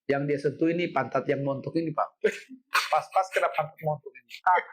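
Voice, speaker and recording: A middle-aged man, a guest telling a story in an interview, animated, repeating himself and ending lines with "Pak". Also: a little high, normal speed. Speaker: head of city education office, guest.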